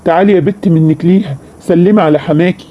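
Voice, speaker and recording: A man's voice: a little high, fast, lo-fi sound, close to an everyday voice. An actor playing a cruel, bossy middle-aged father who insults his daughters, speaking with an Egyptian accent in a radio-style story. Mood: harsh.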